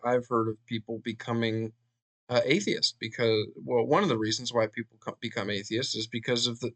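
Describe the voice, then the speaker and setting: A man reading a book chapter aloud and adding his own commentary, earnest, with fillers and pauses between passages. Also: mid-range voice, a bit bright. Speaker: channel host reading a book.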